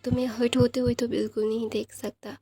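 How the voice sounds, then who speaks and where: A woman's voice: fairly high pitch, flat delivery, brisk, warm tone, slightly rough, soft background music. A woman reading as a possessive young lover. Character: possessive lovestruck young man, tender and stern.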